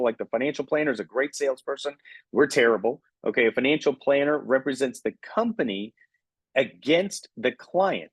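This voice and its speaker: A middle-aged man giving an energetic coaching talk on recruiting, often checking in with "okay?". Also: mid-range voice, slightly rough, no echo. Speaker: recruiting trainer. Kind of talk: motivational training talk.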